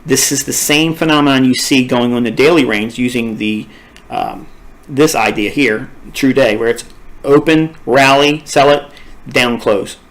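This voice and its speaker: A man's voice: medium pitch, normal speed, poor audio. A man teaching a recorded trading lesson, his voice tired and fading, talking in an emphatic, repetitive and rambling way. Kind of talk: recorded screen-share lesson.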